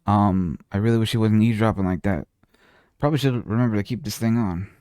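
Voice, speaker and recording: A man's voice: on the low side, quick pace, darkish tone, clear, resonant tone, no room sound, studio quality, lightly acted. A man voicing a scheming Italian-American mobster boss in a tabletop game, with a put-on Italian-American mobster accent and a drawling, self-assured, patronizing manner.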